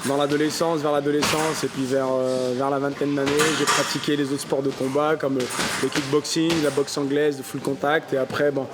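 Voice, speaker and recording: A man in his thirties from the Paris region of France answers interview questions as co-founder of a Thai boxing club, explaining things with plenty of fillers and restarts. His voice is medium-pitched and level, his pace a little fast. Heavy noise fills the background.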